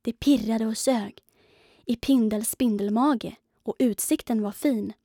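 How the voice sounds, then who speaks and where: A woman reading a rhyming children's storybook aloud in a lively way, sometimes dropping to a whisper for suspense, on a close studio mic. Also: fairly high pitch, husky, no room sound. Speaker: audiobook reader.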